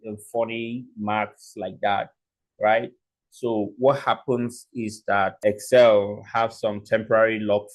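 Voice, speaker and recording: A man giving a step-by-step software tutorial, dictating what to type piece by piece and often checking in with short tags. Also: lowish voice, low-quality recording. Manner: dictating code symbol by symbol; frequent check-in tags like okay and right. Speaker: software instructor.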